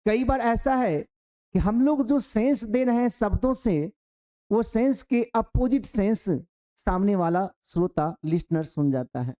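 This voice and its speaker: A male teacher gives an online exam-prep grammar lesson in a warm, mellow voice. His voice sits fairly high for a man. He talks straight to his students and repeats key phrases to drive a point home. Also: animated. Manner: explains slowly through a worked example.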